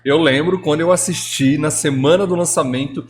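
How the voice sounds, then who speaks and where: A middle-aged man co-hosting a podcast, chatting casually and making animated, jokey remarks. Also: on the high side, brisk, very noisy. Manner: animated, jokey, emphatic outbursts. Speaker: podcast co-host. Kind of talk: casual chat.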